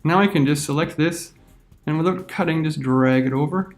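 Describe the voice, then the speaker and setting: Man talking through a software tutorial. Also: a little high, moderate pace, soft background music. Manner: talks through each step while clicking. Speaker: teacher. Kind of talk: screen-recorded software tutorial.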